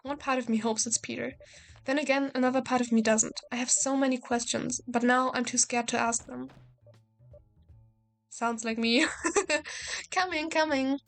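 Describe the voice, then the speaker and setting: A woman's voice: fairly high pitch, level tone, moderate pace, gravelly, faint music behind. A woman playing a visual novel, reading the text aloud and adding casual, joking commentary. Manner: casual, joking, swears and laughs at herself.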